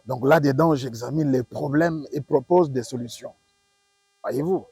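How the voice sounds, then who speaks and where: In an interview, a male linguistics professor from the Democratic Republic of the Congo explains to an audience in an unhurried, medium-pitched voice that is husky and darkish. He has a Congolese French accent and teaches emphatically through rhetorical questions and repetition, recorded close and dry with no room sound.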